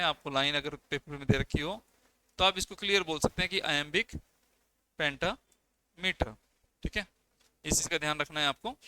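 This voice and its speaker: Bright-voiced Indian lecturer explaining poetry meter. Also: male voice, a little high, clear, resonant tone, no room sound, poor audio. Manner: explaining step by step, counting syllables aloud, often checking in with "ठीक है". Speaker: English lecturer. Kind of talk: exam coaching lecture.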